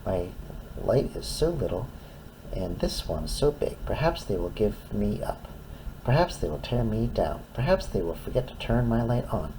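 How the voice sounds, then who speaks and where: Storybook lighthouse, small and childlike male reader, read to a toddler: animated, soft-toned. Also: on the low side, normal speed, slight background noise, low-quality recording. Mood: glum, worried. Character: little red lighthouse, childlike, proud then glum and anxious.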